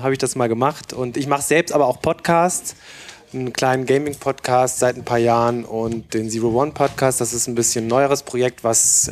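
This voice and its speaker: A man's voice: medium pitch, darkish tone, a little hiss or hum. Man, writer and podcaster, casual self-introduction in a seminar room. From Hannover.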